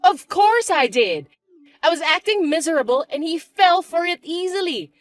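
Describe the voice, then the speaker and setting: A woman voicing a spiteful, bossy young stepsister who talks in a shrill, mocking, shouty way. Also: very animated, normal speed, dry recording. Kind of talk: chat-story voice acting.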